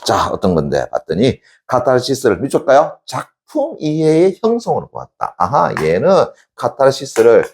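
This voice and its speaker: A man's voice: mid-range voice, huge pitch swings, moderate pace, few pauses. A male exam-prep teacher giving a classroom lecture, constantly checking in with his class and answering his own questions. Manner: call-and-response, keeps asking "됐니?" and answering himself; emphatic, shouts out examples.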